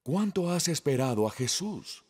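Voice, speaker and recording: A man delivers a sermon, reading scripture aloud and stopping to ask the congregation questions. He speaks slowly, and his pitch moves lively up and down. His voice carries a long reverb, like a large hall. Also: husky. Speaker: preacher.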